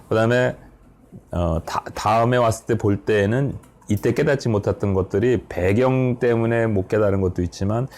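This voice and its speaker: A middle-aged man leads a Bible study seminar in an explanatory, conversational way. His voice is low and dark with a gravelly edge, and he often checks whether listeners follow him. He breaks off words and corrects himself as he talks. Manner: explanatory, checks in with the audience, self-corrects mid-word.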